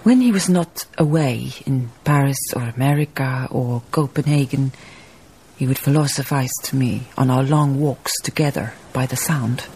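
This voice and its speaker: Playing a wistful Danish baroness looking back on her life, a radio-drama actress speaks in a slow, literary, musing way, breathy and husky with a touch of melancholy. Her voice sits extremely low with a darkish tone, and a faint hiss or hum runs beneath it.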